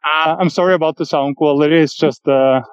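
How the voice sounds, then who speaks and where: Man on a low-quality earbud call stream. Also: steady tone, no echo. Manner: thoughtful, halting, many fillers. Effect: low-quality earbud mic over a call stream. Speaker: musician guest. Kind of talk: casual interview answers. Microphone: earpods while walking outdoors. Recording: dull dry lo-fi call audio.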